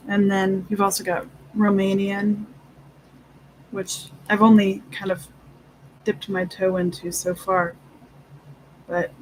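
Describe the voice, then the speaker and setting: Slow, halting chatter, switching between English and Spanish. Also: medium pitch, a little hiss or hum, poor audio. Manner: halting, trailing off mid-thought. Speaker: livestream host of an inking session. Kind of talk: casual chat.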